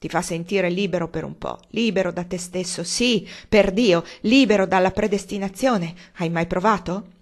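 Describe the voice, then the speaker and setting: Woman reading as a booming gruff old man, scornful and blustering, louder than her narration. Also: moderate pace, hardly any pauses, natural voice.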